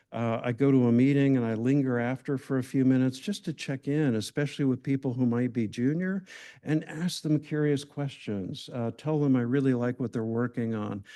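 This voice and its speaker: Guy lecturing a room at a hospital, warm mellow voice, chatty and asks the crowd stuff. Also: medium pitch. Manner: conversational, engaging, asks the audience questions. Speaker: grand rounds speaker. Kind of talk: lecture to a live audience.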